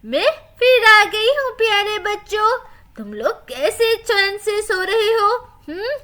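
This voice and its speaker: A woman's voice: very high-pitched, sing-song, takes it slowly, sharp tone, heavily acted. A woman voicing a sly female ghost who coaxes children in a sugary, hypnotic way.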